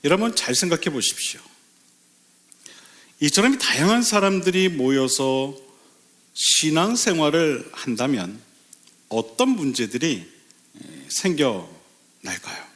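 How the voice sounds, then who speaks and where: Animated male pastor preaching. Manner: lively, asks the congregation rhetorical questions; sudden pitch lifts for emphasis, slows on key phrases. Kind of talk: Sunday sermon. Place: church sanctuary.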